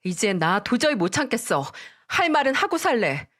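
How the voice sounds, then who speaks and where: Woman playing defiant young wife, fed up, retorting, raised and lively voice, dramatized story. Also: on the high side, normal speed, pitched above the performer's own voice.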